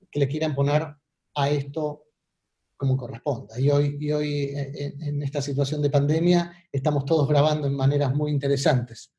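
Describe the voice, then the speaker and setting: A man with a slightly high, mellow voice presents an informal online lecture. He explains things conversationally, often adding little tag questions and English terms. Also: a little hiss or hum. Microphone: video call.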